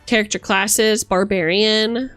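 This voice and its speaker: Now her pitch is medium and her intonation fairly even, at a slow pace with a slightly bright sound. With no room sound and faint background music, she hosts a live book look-through, playful and theatrical, trading gushing outbursts for dry quips.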